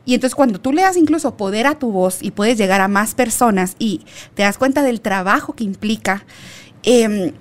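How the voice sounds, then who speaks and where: A woman guest on a podcast, a teacher and storyteller, talking in an animated way with many fillers. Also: fairly high pitch, moderate pace. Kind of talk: conversational interview.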